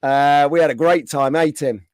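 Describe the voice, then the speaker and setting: A man with a slightly high voice hosts a casual live stream, greeting viewers by name at a moderate pace. He sounds a bit hoarse from being under the weather, and there's no echo.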